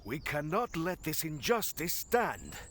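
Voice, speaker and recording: Proud, animated general. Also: male voice, fairly high pitch, a little slow, slight background noise, exaggerated voice. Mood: resolute. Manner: formal, stately phrasing. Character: proud, righteous military general, formal and forceful. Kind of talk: video game voice acting.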